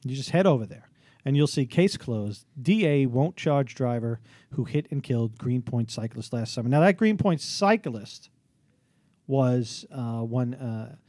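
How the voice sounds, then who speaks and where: A man's voice: mid-range voice, expressive, unhurried, mellow, no room sound. A man hosts a radio show in loose, bantering talk, often repeating his own phrases.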